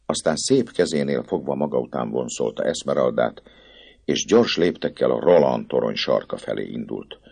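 A man narrating a dramatic story in an expressive audiobook reading. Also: extremely low pitch, creaky, slightly rough. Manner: expressive, rising and falling with the drama.

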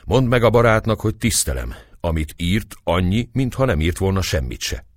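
Guy doing angry old nobleman yelling, blustery, dry close sound. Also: low-pitched, big pitch swings, no echo, pitched above the performer's own voice. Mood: grumbling. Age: older. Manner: shouting, bitter, blustering. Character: old hot-tempered nobleman, furious.

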